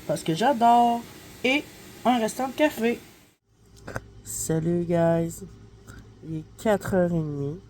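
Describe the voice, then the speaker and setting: Chatty Québécoise mom vlogging at home. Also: female voice, fairly low pitch, warm tone, slight background noise. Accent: Québécois French. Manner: chatty, rambling, full of fillers like "là" and "tu sais". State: stuffy nose, talking through the nose. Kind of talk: casual home vlog chat. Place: at home, kitchen then in bed. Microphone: handheld phone camera, no tripod.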